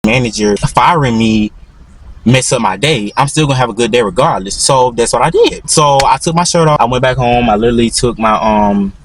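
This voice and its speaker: A man's voice: mid-range voice, lively intonation, fairly quick, a little hiss or hum, low-quality recording. A young man in his twenties telling a storytime as a vlogger, rambling with constant restarts and repeated "literally". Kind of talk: storytime monologue.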